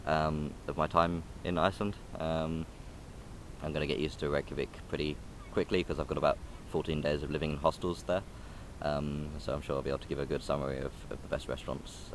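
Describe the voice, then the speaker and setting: A young adult man with a bass voice records a casual, rambling vlog outdoors in a park by a railway line, using a phone or camera held close; a little hiss or hum can be heard. He speaks hesitantly, with many ums and restarts.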